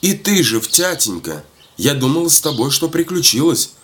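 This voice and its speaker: Guy doing a sweet young village girl, way higher than his own voice, soft and caring. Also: very animated, moderate pace, a little hiss or hum. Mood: tender. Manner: surprised, tender. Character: gentle kind young peasant daughter.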